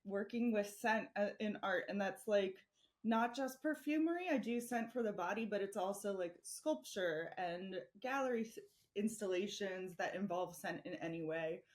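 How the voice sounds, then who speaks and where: A woman's voice: medium pitch, animated, moderate pace. A woman guest in a podcast interview, talking casually, laughing easily, with many fillers. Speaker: guest, scent artist.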